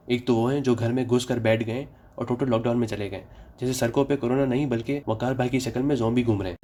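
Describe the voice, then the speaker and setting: Sarcastic jokes come fast from a young Pakistani comedy vlogger whose medium-pitched voice is dark and mellow. Later he shifts to steady public health advice without slowing down, and there's slight background noise.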